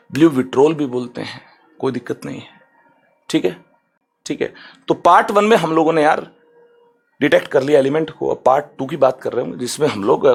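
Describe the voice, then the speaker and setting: A male chemistry teacher with a gravelly edge to a mid-pitched voice, talking students through a lesson. He is animated and conversational, slows right down to spell out definitions, and keeps asking whether the class is following. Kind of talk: online lecture.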